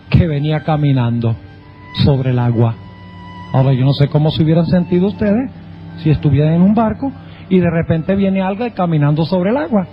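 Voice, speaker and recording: A man preaching a sermon as pastor, dramatic and emphatic, slowing down to stress key words. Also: high-pitched. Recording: dull lo-fi sound with faint music.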